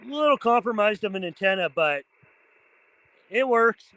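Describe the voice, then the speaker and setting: A man's voice: sits high, expressive, moderate pace, fairly bright tone, rough recording. A man hosting an informal amateur radio vlog, mixing chatty remarks with phonetic callsign calls. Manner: informal, chatty, addresses viewers as guys. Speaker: amateur radio operator, host.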